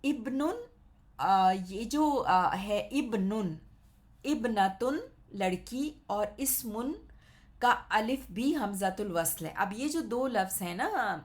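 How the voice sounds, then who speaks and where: A woman teaching an Arabic grammar lesson, explaining patiently step by step and checking in often with her listeners. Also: mid-range voice.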